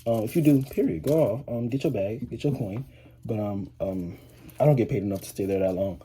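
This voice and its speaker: A man's voice: fairly low pitch, brisk, warm tone, a little hiss or hum. An eighteen-year-old man chatting casually to camera as a vlogger, rambling with lots of fillers and restarts. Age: 18, teenager. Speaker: vlogger, high school student.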